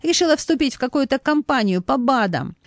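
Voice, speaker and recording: A woman's voice: sits high, lively intonation, brisk, dry recording, clean studio sound, pitched above the performer's own voice. Woman doing a curt, bossy grown son. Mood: irritated, scolding. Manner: scolding, curt. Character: irritable adult son, bossy, alarmed.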